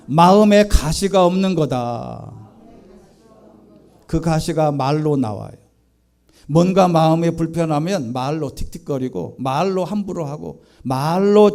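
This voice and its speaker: Male pastor, middle-aged, sermon, high voice, mellow tone, earnest, call-and-repeat. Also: smooth. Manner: earnest preaching, leads congregation in repeating phrases.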